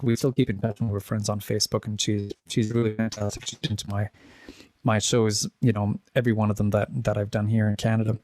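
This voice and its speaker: A fairly low, darkish male voice with no room sound comes from a Czech pianist and composer in his forties. Being interviewed casually, he rambles, restarts, corrects himself and chuckles over his own stories.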